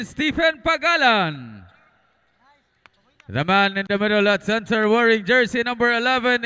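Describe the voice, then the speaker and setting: A man with a Filipino accent working as an arena announcer, introducing teams and players in a projected, drawn-out stadium style. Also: sits high, bright, forceful tone, smooth, in a large hall.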